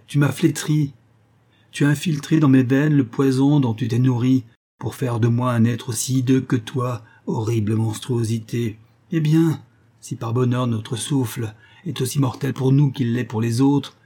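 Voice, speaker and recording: A man's voice: medium pitch, fairly even intonation, moderate pace, breathy edge, pitched above the performer's own voice, natural voice. A man reading aloud voices an enraged, bitter young man who hurls contempt at his beloved. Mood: furious. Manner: loud, contemptuous outbursts.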